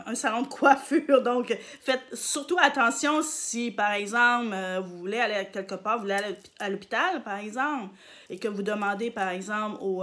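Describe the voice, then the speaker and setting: Woman vlogger, mid-range voice, relaxed chat at home, explains words with heavy stress and lots of fillers. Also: mid-range voice. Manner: chatty, hesitant, frequent fillers, emphatic on vocabulary words. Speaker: vlogger teaching Japanese words. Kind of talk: casual explanatory talk to camera. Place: at home during confinement.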